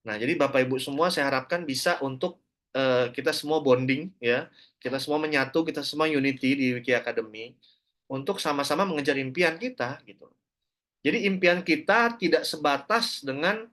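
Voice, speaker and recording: A man giving a motivational network marketing talk, speaking straight to his listeners and acting out the voices of people he quotes. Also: a little high. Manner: animated, acts out quoted voices, addresses listeners directly.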